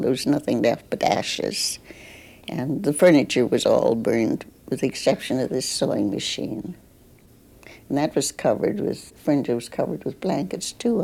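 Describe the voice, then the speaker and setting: Older woman, husky, gravelly, matter-of-fact, oral-history recollection. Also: a bass voice, mellow. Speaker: pioneer recalling the past. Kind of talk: archival oral-history interview.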